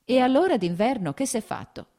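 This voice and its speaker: A woman reading an audiobook, voicing an irritable male landowner who shouts exasperated questions at his steward. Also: fairly high pitch, big pitch swings, a little fast, pitched above the performer's own voice. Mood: angry.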